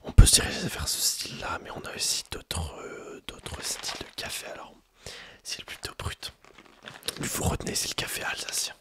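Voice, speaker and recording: An ASMR performer whispers in a roleplay as the shopkeeper of a coffee roastery, addressing the listener directly. The airy, breathy delivery comes at a moderate pace, with a hesitant, improvised sales patter.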